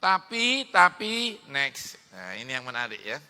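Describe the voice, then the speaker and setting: A man's voice: medium pitch, unhurried, big-room sound. A male pastor preaching a sermon, telling stories and acting out the dialogues. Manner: lively storytelling, acting out dialogues.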